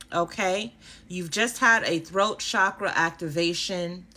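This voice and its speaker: A woman doing a spiritual card reading for her viewers, affirming and animated, often checking in with "okay?" and yawning now and then. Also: medium pitch. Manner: animated, affirming, frequent "okay?" tag questions. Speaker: tarot and oracle card reader.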